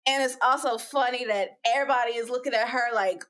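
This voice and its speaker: A young woman co-hosting a casual podcast with her dad, telling stories in an animated way and laughing often. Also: fairly high pitch, fast. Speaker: podcast co-host. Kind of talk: casual chat.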